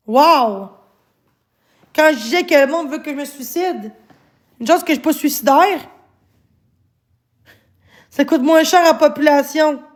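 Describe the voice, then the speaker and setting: A woman with a Québécois accent, streaming live and angrily scolding her chat, swearing often. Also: high-pitched. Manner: angry, swearing, scolding viewers. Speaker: livestreamer.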